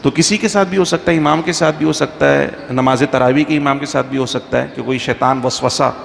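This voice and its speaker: A man's voice: medium pitch, steady tone, vocal fry. A man, a mufti, giving an informal religious talk to a congregation in a mosque, conversational and full of anecdotes. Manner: conversational, anecdotal, chants Quranic verses slowly. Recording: faint background noise, long reverb.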